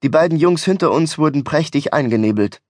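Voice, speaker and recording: A man's voice: on the high side, lively intonation, brisk, darkish tone, dry recording. Wry male audiobook narrator, dry studio. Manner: wry, dry comic storytelling. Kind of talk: first-person audiobook narration.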